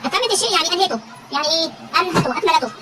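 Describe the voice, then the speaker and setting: Fast, high-voiced Egyptian woman teacher. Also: animated. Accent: Egyptian Arabic. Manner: repetitive call-and-response questioning. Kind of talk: classroom vocabulary drill. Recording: loud crowd and background noise.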